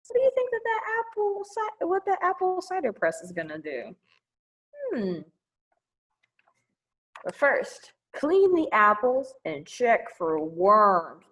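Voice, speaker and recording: At a children's storytime, a woman reads a picture book aloud to young kids, adding chatty asides. Her delivery is expressive and singsong, and her voice sits a little high.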